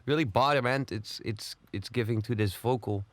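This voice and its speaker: A man presenting an audio plugin tutorial in a home studio, explaining each control step by step in a steady, methodical way. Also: medium pitch, normal speed, dry recording. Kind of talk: software walkthrough tutorial.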